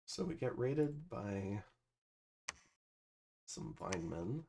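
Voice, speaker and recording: A man's voice: fairly low pitch, sing-song, slow, creaky, loud music behind the voice. A man casually commentating over his strategy game turns, thinking aloud with plenty of fillers. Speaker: gameplay commentator. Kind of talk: casual let's-play commentary.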